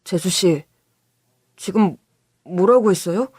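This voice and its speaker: A woman voicing a distressed middle-aged brother-in-law who pleads earnestly in a low voice. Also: slow pace, a little mellow, breathy edge. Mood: pleading.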